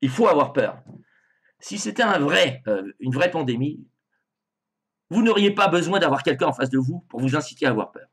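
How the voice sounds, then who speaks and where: A man's voice: a little high, fairly quick, slightly rough. A man hosting a video, commenting on song lyrics in a casual, hesitant way with frequent filler sounds, turning indignant at times. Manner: animated, indignant asides.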